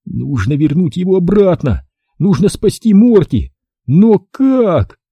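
A man voicing an excitable young boy who shouts in alarm, in an audiobook reading. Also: high-pitched, slow, husky, no echo, dull audio, voice pushed up, heavily acted. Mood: panicked.

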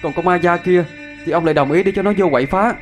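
Man doing a high-voiced pleading ghost child. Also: fast, soft background music, natural voice. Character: ghost child, small girl, pleading and frantic.

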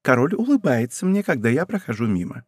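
A man voicing a lively, gossipy young court lady in an audiobook, exclaiming in a raised voice. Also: a little fast, breathy edge, no echo, studio quality. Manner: excitable, exclaiming, higher put-on pitch. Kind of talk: audiobook character voice.

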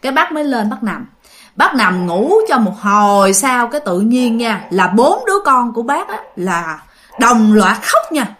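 A woman with a Southern Vietnamese accent tells a ghost story casually, chatting straight to her listeners and using plenty of fillers. Her fairly high voice has a sing-song lilt, a moderate pace, and a slightly bright tone.

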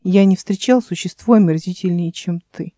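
A woman's voice: lowish voice, normal speed, mellow, dry recording, studio quality, close to an everyday voice. Woman voicing an indignant betrayed younger brother. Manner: indignant, bitter. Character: trusting, hurt half-blood younger brother, man.

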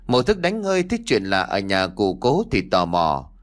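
A male storyteller reading an audiobook. His delivery is expressive and lively, rising and falling freely in pitch as the tale unfolds. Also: normal speed. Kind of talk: audiobook narration.

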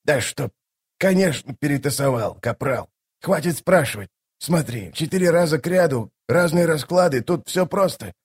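A man's voice: fairly high pitch, lively intonation, moderate pace, husky, pitched above the performer's own voice. A man voicing a defensive, fussy male soldier-mage who mutters and sighs as he explains. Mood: explaining. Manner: muttering, sighing.

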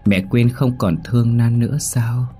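A man voicing a creepy possessed doll girl who pleads and wheedles in a drawn-out way, in a horror story reading. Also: medium pitch, fairly even intonation, warm tone, soft background music, voice pushed up, natural voice. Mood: pleading.

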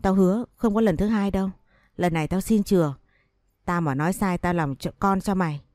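A woman's voice: lowish voice, brisk, a little mellow, dry recording, clean studio sound, natural voice. Woman voicing a pleading, frightened mistress. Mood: begging. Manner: pleading, tearful. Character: frightened young mistress begging for mercy.

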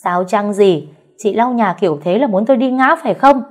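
A woman putting on a shrill scolding mother-in-law. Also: lively intonation, normal speed, lightly acted. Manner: shrill, shouting and berating.

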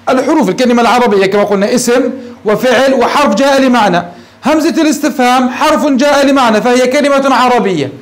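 High-voiced sheikh teaching grammar. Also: male voice, quick pace. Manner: asks the class questions and answers them himself; addresses listeners as dear ones. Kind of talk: classroom lesson on grammar.

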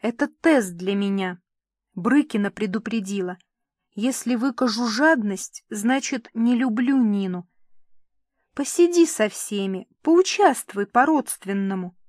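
A woman's voice: fairly high pitch, measured pace, a little mellow, no room sound, clean studio sound. A woman playing a vain, theatrical old actor. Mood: coaxing. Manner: melodramatic, wheedling. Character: theatrical aging male actor, vain, pleading.

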